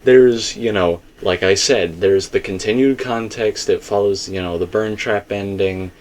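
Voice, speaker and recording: This co-host, a man in a loose, meandering conversation about video game theories, restates points to drive them home. He speaks unhurriedly in a low, somewhat dark voice.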